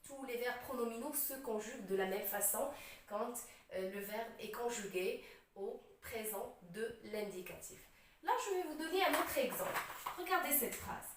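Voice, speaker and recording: A woman's voice: a little high, lively intonation, normal speed, a little hiss or hum. A woman teaching French grammar step by step, patiently repeating each point and checking that the class follows. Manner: patient, repeats points and asks "vous voyez?". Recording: echoey room, voice from a distance.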